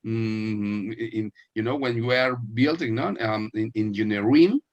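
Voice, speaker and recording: A man from Mexico, hosting an interview and talking in a halting way with many restarts. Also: lowish voice, muffled recording. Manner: halting, many restarts, lively laughing emphasis. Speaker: host. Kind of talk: casual video-call interview.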